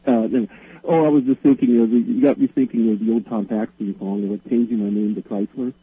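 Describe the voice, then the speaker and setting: A man with an Ohio accent calling in to a radio show, talking haltingly with many restarts. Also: mid-range voice, fairly even intonation, husky, no room sound. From Ohio, United States. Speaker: caller. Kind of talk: phone-in call. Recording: tinny phone line.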